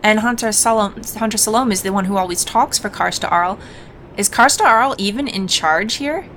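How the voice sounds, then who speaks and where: A woman's voice: mid-range voice, moderate pace, fairly bright tone. Casual woman gamer over background noise. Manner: informal, musing aloud. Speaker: gaming host. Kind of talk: casual let's play commentary and narration.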